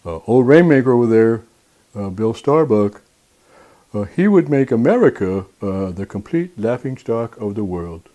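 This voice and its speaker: A man's voice: mid-range voice, expressive, moderate pace, warm tone. Hesitant male comedy co-host. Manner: hesitant, full of uh's. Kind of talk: comic banter.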